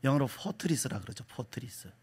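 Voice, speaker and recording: A male pastor preaching a sermon, asking the congregation questions and repeating key words, sometimes dropping to a soft whisper. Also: medium pitch, big pitch swings, fairly quick, husky.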